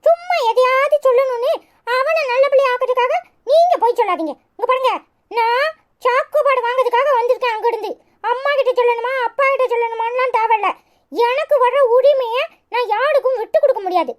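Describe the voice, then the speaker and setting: A shrill, stubborn little village girl. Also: fairly quick. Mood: indignant. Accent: Kanyakumari Tamil. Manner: sharp, argumentative, sarcastic retorts. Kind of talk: cartoon voice acting.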